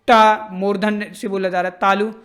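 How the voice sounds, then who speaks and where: A man teaching a grammar lesson, explaining slowly and going over points again and again. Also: high voice, flat delivery, a bit bright. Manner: slow, repetitive explaining, sings example lines. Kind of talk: classroom lecture.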